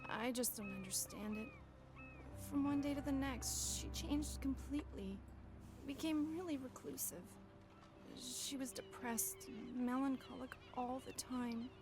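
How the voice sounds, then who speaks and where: In a video game, an actress with a high-sitting voice plays a grieving young woman, speaking a little slowly as she tells her story earnestly and sorrowfully. The mood is sad, with game music in the background.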